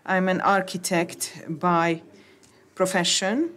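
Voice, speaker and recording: Woman interpreting a conference talk, low-ish voice, real slow and halting with lots of uhs. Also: steady tone, fairly bright tone, slight background noise. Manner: halting, many hesitations and restarts. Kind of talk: simultaneous interpretation of conference talks.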